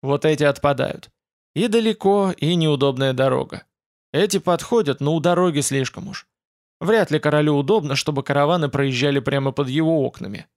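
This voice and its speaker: A man reading a slow, grumbling old advisor. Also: fairly high pitch, lightly acted. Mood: measured, grumbling. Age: older.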